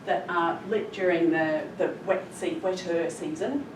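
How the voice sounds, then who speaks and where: Lowish-voiced woman presenting in an echoey room. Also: measured pace. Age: middle-aged. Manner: earnest, emphatic with stressed adverbs. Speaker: conservation scientist presenting. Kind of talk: public presentation, explanatory storytelling. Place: echoey room, recorded from a distance. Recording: roomy echo, distant mic, clear background noise.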